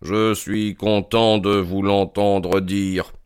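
A man voicing a calm, shrewd detective who speaks softly and gravely, in a slow, deliberate way. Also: mid-range voice, dry recording, clean studio sound, voice pushed up, natural voice. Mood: grave, gentle. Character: calm shrewd male detective, middle-aged, gentle and grave.

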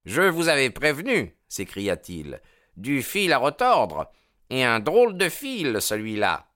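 A man voicing an eager, excitable male police inspector with emphatic outbursts. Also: sits low, unhurried, dry recording. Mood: excited.

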